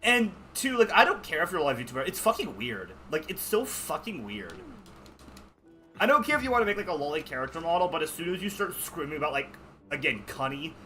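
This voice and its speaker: Bright-voiced man ranting. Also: fairly high pitch, sing-song, fairly quick, faint music behind. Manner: heated, profane ranting with many filler words. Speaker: streamer. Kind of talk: casual chat during a game stream.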